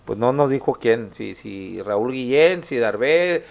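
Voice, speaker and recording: A man's voice: mid-range voice, animated, slow pace, gravelly. A man hosting a live talk show, reading viewer comments aloud in a casual, joking way. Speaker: host.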